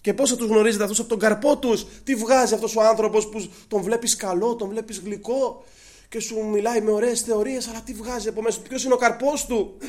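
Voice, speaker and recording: A man preaching a sermon, often calling out to his brothers and swinging between hushed, quiet passages and raised, emphatic ones. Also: high voice.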